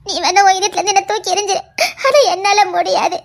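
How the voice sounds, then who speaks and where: A woman's voice: very high-pitched, level tone, fast, vocal fry. A woman with a Tirunelveli accent playing a heartbroken young woman who pleads tearfully with her lover. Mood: pleading, tearful. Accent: Tirunelveli Tamil. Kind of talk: comedy skit drama.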